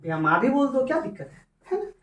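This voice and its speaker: A man's voice: extremely high pitch, very animated, a little fast, fairly bright tone. A male teacher giving a classroom lecture, repeating his questions and having students chant back the answers. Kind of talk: classroom lecture with call-and-response quizzing. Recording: roomy classroom recorded from far off. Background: students' voices.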